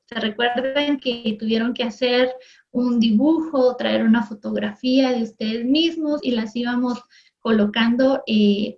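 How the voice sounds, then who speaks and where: A woman's voice: fairly high pitch, a little mellow, muffled recording. A woman teacher giving a lesson for television in a conversational way, often checking in with her students. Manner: acts out everyday voices in quick asides. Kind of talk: recorded classroom lesson for TV.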